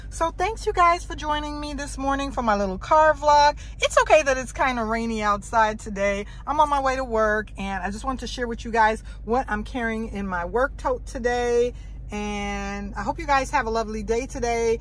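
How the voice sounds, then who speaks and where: A woman's voice: on the high side, moderate pace. A woman with a Midwestern American accent, chatting casually to viewers as a vlogger from inside her car. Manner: chatty, repeats "you guys". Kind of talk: casual vlog talk to camera.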